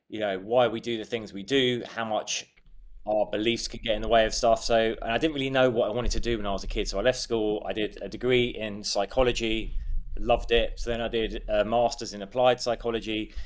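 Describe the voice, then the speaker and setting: A middle-aged man, a coach, talks as a podcast guest, telling his story in an informal, explanatory way. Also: fairly low pitch. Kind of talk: casual interview storytelling.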